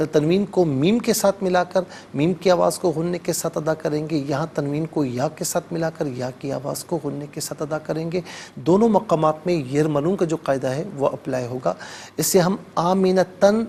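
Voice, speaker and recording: Gravelly-voiced man teaching Quran recitation. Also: fairly high pitch, mellow, a little hiss or hum. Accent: Pakistani Urdu. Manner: explains each word methodically, then chants verses slowly and drawn out. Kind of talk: televised tajweed lesson with slow chanted recitation.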